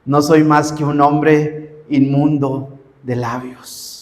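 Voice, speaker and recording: A man's voice: fairly high pitch, level tone, slow pace, in a large hall. A male pastor, preaching a sermon with emphatic, rising repeated cries.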